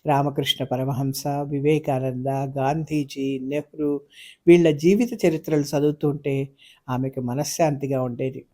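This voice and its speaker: Male audiobook narrator, measured and expressive, mellow tone, slightly high voice.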